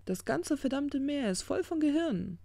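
A reader voicing a tipsy, smug male demon in an audiobook, talking in a halting, slurred ramble that stumbles over its words. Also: high-pitched, lively intonation, vocal fry, dark tone, no echo, clean studio sound, voice pushed up. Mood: rambling. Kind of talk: audiobook character reading.

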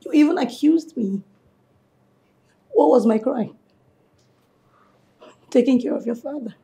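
A wronged woman, high and mellow, reproachful. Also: measured pace, vocal fry. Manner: cold and reproachful. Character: hurt, wronged young woman rejecting her partner.

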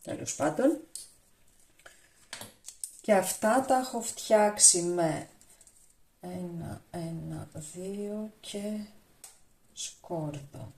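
Speaking in a fairly low, slightly mellow voice with long pauses, a Greek woman talks viewers through her cooking in a casual way. She's filmed by a camera on the counter of her echoey home kitchen.

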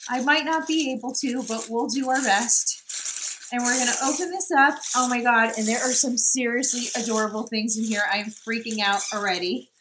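A woman's voice: fairly high pitch, moderate pace, background noise. A woman from New York chatting casually as she unboxes craft mail, gushing and laughing often. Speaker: craft vlogger.

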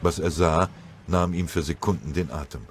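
Deep guy reading a war audiobook, steady dramatic voice, faint gunfire sounds in back. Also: moderate pace, a little hiss or hum. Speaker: audiobook narrator. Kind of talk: scripted narration.

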